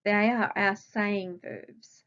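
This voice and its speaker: A woman's voice: medium pitch, steady tone, slow pace, fairly bright tone, muffled recording. A woman with an Australian accent, a primary school teacher patiently explaining a recorded grammar lesson to children and asking them questions.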